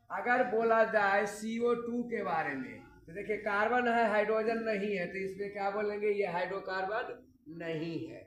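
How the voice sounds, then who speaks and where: Male Bihari-accented chemistry teacher, high voice, repeats points, recorded from afar in an echoey room. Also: a bit bright, distant mic, a little hiss or hum. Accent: Bihari Hindi. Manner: repeats key points, addresses students as kids. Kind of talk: classroom lecture at a board.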